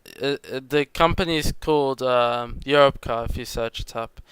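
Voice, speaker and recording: A young man streams a driving game, teasing his co-host and patiently explaining things, his showing. His voice is bright and very clear. The sound is dry, with no room echo. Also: medium pitch, normal speed. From Netherlands. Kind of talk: casual chat while gaming.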